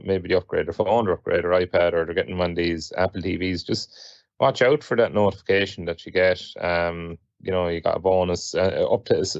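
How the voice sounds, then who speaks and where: Low-voiced man, rambling podcast chat. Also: dry recording. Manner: rambling, many fillers. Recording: dry, slightly dull lo-fi sound.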